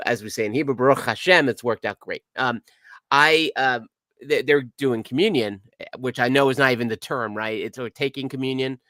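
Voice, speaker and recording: A man's voice: medium pitch, a little fast, sharp tone, no echo, studio quality. A middle-aged man co-hosting a podcast, telling rambling stories in casual chat with many restarts. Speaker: podcast co-host.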